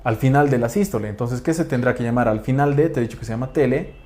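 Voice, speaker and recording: A man's voice: medium pitch, fast, mellow. A man lecturing on physiology, asking rhetorical questions and checking in with tag questions. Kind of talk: explanatory lecture.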